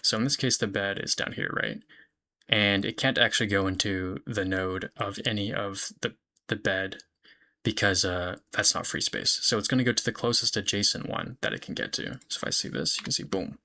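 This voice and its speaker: A young man gives a casual walkthrough of a software demo for a project he built, chatting in a relaxed way full of fillers and self-corrections. His voice is lowish and creaky, and he keeps a moderate pace.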